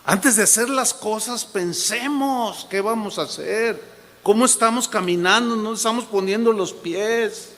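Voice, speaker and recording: A pastor preaches a sermon with emphasis and repetition, repeating phrases and acting out other people's words in altered voices. His high voice is a little slow and a bit bright, and the recording carries a long hall reverb.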